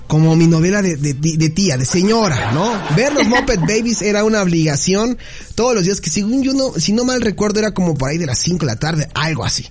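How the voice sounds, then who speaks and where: This podcast co-host is a man with a Mexican Spanish accent whose high-pitched, expressive voice moves quickly. He tells a childhood anecdote in a casual, playful chat, laughing often as he goes. There's a slight hiss or hum in the recording.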